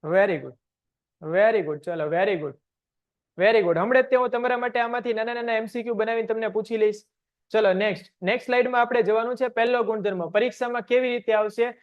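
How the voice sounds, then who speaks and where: High-voiced man drilling a science class. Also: a little fast, muffled recording. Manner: question-and-answer drilling, answers own questions. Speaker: science teacher. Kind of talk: online class lecture.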